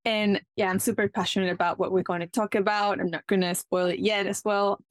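Guest, young Ecuadorian woman, Spanish-accented English, mid pitch, earnest, dry mic. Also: level tone, a little fast, no room sound. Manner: earnest, eager, with frequent restarts. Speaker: marine biologist guest. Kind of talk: casual interview.

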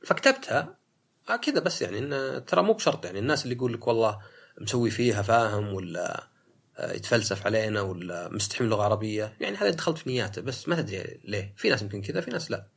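A man hosts a solo talk podcast in a gravelly, husky voice. He argues in a casual way and mimics other people's lines to make his case. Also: on the low side, very animated, racing. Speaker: podcast host.

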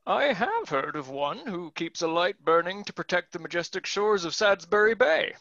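A man's voice: sits high, very animated, normal speed, vocal fry, bright, forceful tone, dry recording, highs cut off, heavily acted. A man playing a pompous, bumbling old alchemist with a grand manner. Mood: grandiose. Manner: grandiose, then deflating.

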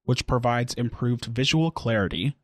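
A man hosting a daily tech news podcast, reading scripted stories and a sponsor spot in a steady, clear newsreader delivery. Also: medium pitch, moderate pace, no room sound, studio quality. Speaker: podcast host.

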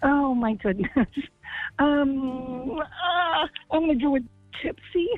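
A woman's voice: high voice, slow pace, dry recording, soft background music. A woman calling in as a game contestant, guessing with hesitant, flustered answers, heard over a phone line.

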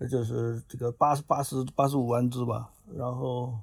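Hesitant, husky man with a dry sound. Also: medium pitch, flat delivery, normal speed, a little mellow, no room sound. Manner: hesitant, repeats words, laughs often. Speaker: writer, guest. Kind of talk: casual chat.

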